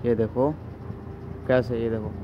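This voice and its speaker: A man's voice: medium pitch, little pitch movement, measured pace, highs cut off, background noise. A man vlogging outdoors, talking casually and coaxing animals in a playful voice. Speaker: vlogger feeding monkeys. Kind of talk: casual vlog narration.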